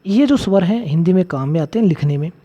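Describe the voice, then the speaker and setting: A man's voice: high-pitched, expressive, fast talker, warm tone. A man teaching a grammar lecture for exam students. He keeps asking the class questions and repeating his key points. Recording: slightly dull lo-fi audio.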